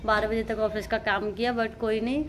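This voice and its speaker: A woman's voice: fairly high pitch, level tone, normal speed. A woman chatting straight to her viewers in a casual family vlog, filmed at home on a handheld phone. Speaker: vlogger mother. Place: at home, later on the rooftop. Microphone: handheld phone camera.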